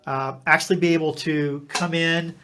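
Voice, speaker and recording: A man's voice: a little high, fairly even intonation, normal speed, pushed and bright, a little hiss or hum. A middle-aged man from Eastern Kentucky, a podcast guest and company founder, telling a personal story and acting out the dialogue, often restarting his sentences. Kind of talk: storytelling in an interview.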